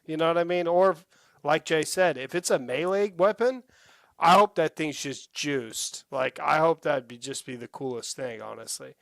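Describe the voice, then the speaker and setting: A man on a gaming podcast with a higher, gravelly voice, recorded dry and close. He gets excitable and swears freely as he talks. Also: moderate pace, no room sound. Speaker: podcast co-host. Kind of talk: casual gaming podcast chat.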